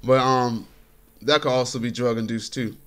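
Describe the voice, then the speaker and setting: A man's voice: medium pitch, fairly even intonation, moderate pace, a bit bright, clear, resonant tone. A man talking casually over gameplay from his bedroom, chatty and laid-back and laughing often. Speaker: gaming commentator.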